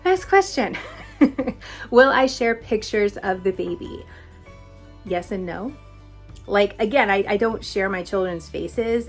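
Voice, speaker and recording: A young pregnant woman casually answering viewer questions in a vlog, chatty and laughing often, a little out of breath. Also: mid-range voice. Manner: chatty, frequent laughs and filler words. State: heavily pregnant, a bit out of breath.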